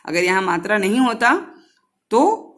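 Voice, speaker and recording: A woman teaching young children Hindi vowel signs online, asking questions and answering them herself as she repeats words slowly. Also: mid-range voice, sing-song, fairly bright tone. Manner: slow, patient, repeats words and syllables for children. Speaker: primary school teacher.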